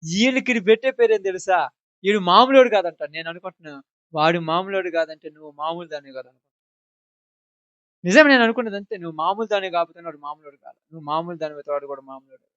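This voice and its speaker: A man preaching a sermon, talking straight to his listeners and swinging between loud emphasis and quiet asides. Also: high-pitched, racing, dry recording. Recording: dull dry recording.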